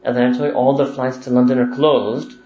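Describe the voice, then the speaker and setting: A man's voice: mid-range voice, little pitch movement, brisk, dark tone, soft background music. A man giving a religious lecture in a conversational way, asking rhetorical questions and chuckling now and then. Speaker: religious teacher. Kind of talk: lecture-style sermon to young listeners. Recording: roomy, dull lo-fi recording.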